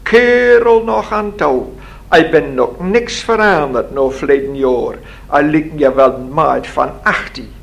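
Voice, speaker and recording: A hearty, cheerful old Christmas man in a read-aloud story, acted out by a male reader. He teases and greets in a raised, slow, gravelly voice. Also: fairly high pitch.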